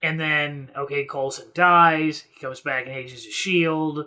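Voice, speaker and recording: A man's voice: on the high side, steady tone, a little slow, bright, forceful tone. A man co-hosting a podcast in casual chat, often stopping and restarting his sentences. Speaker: podcast co-host.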